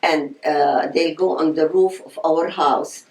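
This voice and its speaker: A woman's voice: low-pitched, fairly even intonation, slow, darkish tone, reverberant, poor audio. Outspoken older Palestinian-born woman. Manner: outspoken, passionate storytelling. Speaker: interviewee. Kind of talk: oral history interview.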